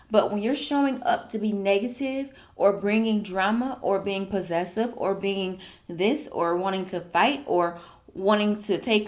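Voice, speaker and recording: Young pregnant woman just talking to her viewers, heartfelt, keeps saying literally. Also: medium pitch. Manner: heartfelt, repeats "you guys" and "literally". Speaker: vlogger. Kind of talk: emotional personal vlog talk.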